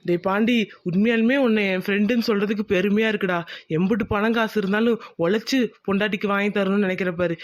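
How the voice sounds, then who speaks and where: A man's voice: high-pitched, close to an everyday voice. A man putting on a chatty loyal village buddy. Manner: chummy, admiring. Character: loyal young male village friend, chatty.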